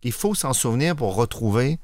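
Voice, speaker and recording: Animated Québécois man explaining with jokes. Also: medium pitch, normal speed. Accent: Québécois French. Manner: animated, jokey, explains with wordplay. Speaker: host teaching mnemonics. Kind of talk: playful educational chat.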